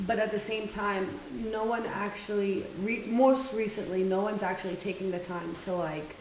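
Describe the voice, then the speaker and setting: A woman's voice: mid-range voice, a little mellow. A woman in her twenties joins a casual roundtable as a guest. She talks candidly and acts out quoted asides. Her voice carries an echoey room sound and a faint hiss. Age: 20s. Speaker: panel guest.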